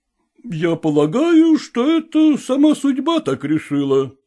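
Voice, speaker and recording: A man voicing a polite, composed male professor who speaks courteously and calmly in a storybook reading. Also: very high-pitched, a little slow, pitched above the performer's own voice, heavily acted. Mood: soothing. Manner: courteous, soothing.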